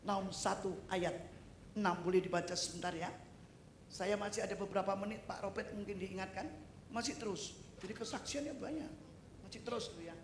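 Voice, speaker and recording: A middle-aged woman from East Java, a pastor preaching a sermon in an animated way, with loud exclamations and humorous asides. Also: mid-range voice, brisk. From East Java, Indonesia. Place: church service hall. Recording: echoey hall with faint noise.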